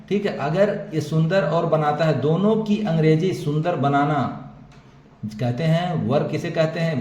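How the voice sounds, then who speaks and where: A man teaching an English vocabulary lesson with an Indian accent, explaining slowly and repeating points, mixing Hindi with English words. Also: on the high side, a little mellow. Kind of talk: screen-share vocabulary lesson. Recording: echoey room with faint ambient noise.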